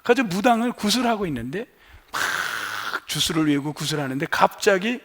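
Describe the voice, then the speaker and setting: A man's voice: fairly high pitch, very animated, normal speed, a bit bright, breathy edge. A male pastor preaching a sermon in a church, telling a story animatedly and acting out the people's words. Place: church sanctuary.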